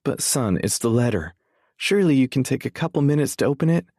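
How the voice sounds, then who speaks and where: A man narrating an audiobook, voicing an excitable, emotional mother who can turn stern and pleading. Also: medium pitch, fast, dry recording, studio quality, pitched above the performer's own voice. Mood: excited. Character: eager, emotional middle-aged mother.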